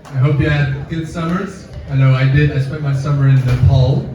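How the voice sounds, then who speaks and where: A young man performing a stand-up comedy set on a campus coffee house stage, deadpan and self-deprecating, with audience laughter behind him. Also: medium pitch, moderate pace, muffled recording, very noisy. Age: young adult. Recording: echoey room, mic from far off.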